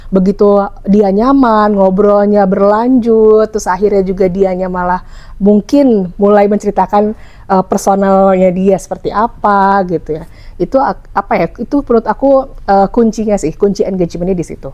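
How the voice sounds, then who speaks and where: A woman's voice: mid-range voice, fairly even intonation, moderate pace, mellow, lo-fi sound. Chatty Sundanese-accented woman explaining. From West Java, Indonesia. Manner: chatty, explanatory, frequent fillers. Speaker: hotel public relations officer. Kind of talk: conversational podcast interview.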